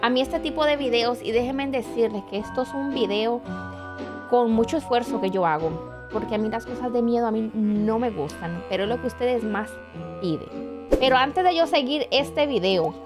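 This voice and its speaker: A young woman with a high voice hosts a casual reaction video. She chats animatedly and breaks into jumpy exclamations. Faint music plays underneath. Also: lively intonation, normal speed. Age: 20s.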